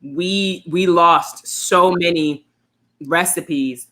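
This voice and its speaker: A woman's voice: lowish voice, extremely slow. A woman co-hosting a casual online show, chatting easily about food while eating. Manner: relaxed, chatty, talks with her mouth full. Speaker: co-host. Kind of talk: casual chat.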